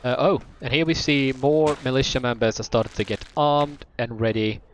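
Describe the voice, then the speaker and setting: A man's voice: medium pitch, steady tone, moderate pace, slight background noise. A man streaming a video game, rambling casually and often correcting himself. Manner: rambling, with many fillers and self-corrections. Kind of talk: casual let's-play commentary.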